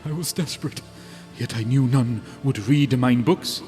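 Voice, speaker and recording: A man's voice: medium pitch, measured pace, darkish tone, natural voice. A man voicing the melancholy, anguished ghost of a writer in a tabletop game, with an unearthly, haunting voice and theatrical archaic diction. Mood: sorrowful, confessional. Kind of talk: tabletop role-play. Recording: long reverb, music underneath.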